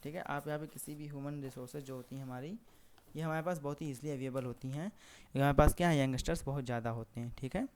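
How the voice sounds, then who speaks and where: A man's voice: medium pitch, steady tone, fast talker, a little mellow, slight background noise. A young Indian man giving a classroom lecture, talking conversationally, correcting himself and asking rhetorical questions. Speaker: teacher. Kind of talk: classroom lecture mixing Hindi and English.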